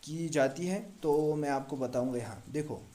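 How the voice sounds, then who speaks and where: A man's voice: fairly high pitch, moderate pace, mellow. Patient man teaching Quran recitation. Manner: patient, repeats letters and asks the class questions. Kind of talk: step-by-step tajweed lesson.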